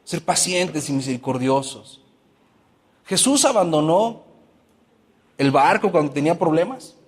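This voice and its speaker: A man's voice: fairly high pitch, expressive, unhurried, long reverb tail. A man preaching a sermon as pastor, asking his congregation many questions and acting out everyday complaints.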